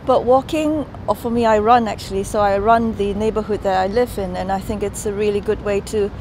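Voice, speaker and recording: A woman from Singapore chats easily and loosely about getting around. A clear low rumble sits behind her voice. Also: steady tone, a little fast. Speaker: PhD student. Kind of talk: interview testimonial.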